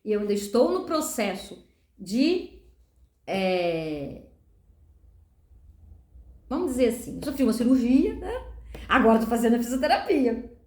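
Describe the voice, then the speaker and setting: A middle-aged woman pastor with a Brazilian Portuguese accent shares a personal testimony in a candid, conversational devotional style. Her voice sits high, and she keeps turning to her listeners to check they follow. The recording has a roomy echo. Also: very animated, measured pace, long pauses, darkish tone.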